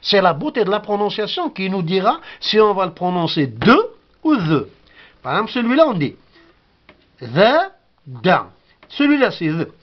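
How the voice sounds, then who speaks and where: A man's voice: sits high, big pitch swings, moderate pace, long pauses, dull audio. A man whose first language is Kabyle gives a patient spoken lesson, repeating each word and sounding it out. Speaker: language teacher.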